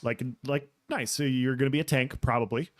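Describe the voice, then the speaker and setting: A man's voice: mid-range voice, fairly quick, dry recording, clean studio sound. A man co-hosting a casual gaming podcast, laid-back and easily amused, with plenty of fillers. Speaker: podcast co-host.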